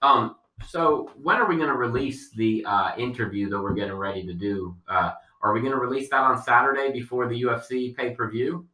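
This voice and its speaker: A man with a deep Southern US accent, chatting casually as a podcast co-host. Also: brisk, few pauses, bright, forceful tone. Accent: Southern US drawl. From Long Island, later North Carolina. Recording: roomy echo, distant mic.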